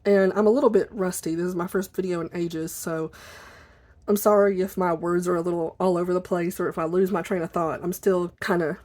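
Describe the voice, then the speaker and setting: A woman chatting casually and informally at her desk for a video, in an apologetic, rambling way, with a squeaky chair that may creak behind her. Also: steady tone, fairly quick, darkish tone. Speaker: video blogger. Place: at a desk indoors.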